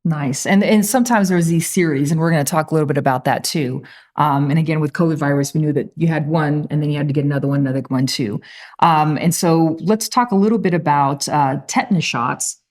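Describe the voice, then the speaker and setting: A woman's voice: deep voice, brisk, darkish tone. A woman hosting a health talk show, chatty and joking, asking her guests long questions. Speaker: host.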